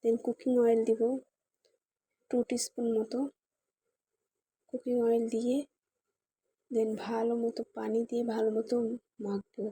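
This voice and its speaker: Soft-voiced woman giving a cooking tutorial. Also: fairly high pitch, monotone, measured pace, pauses often, slightly rough, no room sound. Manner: chatty, addresses viewers directly with step-by-step instructions. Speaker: cooking channel host. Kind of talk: casual recipe tutorial voice-over.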